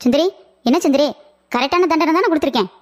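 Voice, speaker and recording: A woman voicing a smug, self-righteous middle-aged husband in an animated cartoon. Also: sits high, fast, faint music behind, lightly acted.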